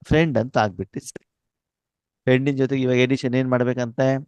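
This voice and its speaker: Here the same kind of spiritual class comes in a steady, smooth, slightly mellow medium-pitched voice, delivered briskly. The teacher mixes in Hindi phrases and leaves questions open for listeners to complete. No echo is audible.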